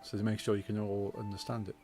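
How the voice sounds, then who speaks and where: A man with a Midlands English accent, chatting casually as a game streamer and speaking with deliberately clear, precise diction. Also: lowish voice, flat delivery, darkish tone, soft background music. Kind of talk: casual chat while gaming.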